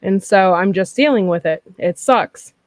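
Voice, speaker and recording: A woman in her thirties chats casually as host, frank and loose with plenty of fillers. Her voice sits at an ordinary middle pitch. The sound is dry and close. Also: unhurried, no echo. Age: 30s. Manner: chatty and frank, with frequent laughs and fillers. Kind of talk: casual chat.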